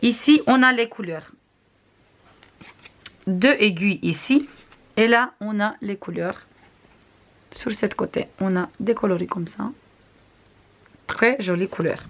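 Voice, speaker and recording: A woman's voice: mid-range voice, unhurried, long pauses, a bit bright. Chatty woman with a non-native accent. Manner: chatty, frequent hesitations, shows items to camera. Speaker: crafts vlogger. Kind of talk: casual unboxing review.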